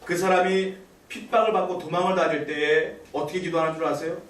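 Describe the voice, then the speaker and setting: Male pastor, high voice, rapid-fire delivery, preaching with rhetorical questions; echoey church hall, mic at a distance. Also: little pitch movement, a bit bright. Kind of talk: sermon. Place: church sanctuary. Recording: echoey church room, voice from far off.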